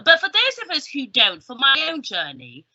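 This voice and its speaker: In a bright, forceful, high-pitched voice whose pitch swoops wildly, a middle-aged woman from southern England talks at a moderate pace. She's a guest speaker giving a chatty, informal careers talk with emphatic delivery and humorous asides. The setting is a small room with bookshelves on a video call, with slightly dull sound.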